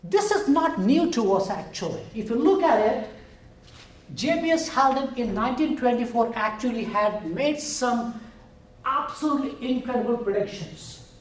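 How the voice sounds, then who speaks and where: In a lecture room, an Indian-accented biology professor from India gives a chatty, self-deprecating university lecture in a very high-pitched, expressive voice at a moderate pace. The recording is roomy and hall-like, with him heard from a distance.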